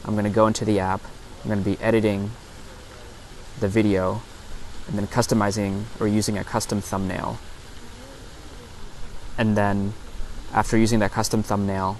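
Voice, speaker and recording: A man hosting a casual solo podcast outdoors in an open park on a lapel mic, explaining step by step in a halting, self-correcting way. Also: on the low side, rough recording. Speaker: podcast host and vlogger. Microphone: lapel lavalier into a phone. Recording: outdoor park recording with clear background noise.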